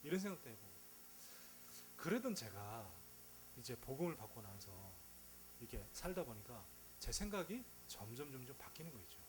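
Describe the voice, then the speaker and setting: A man preaches a sermon in a conversational, joking manner, often asking rhetorical questions. His pitch moves up and down in a lively way, and a faint hum runs underneath. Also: normal speed. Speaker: pastor.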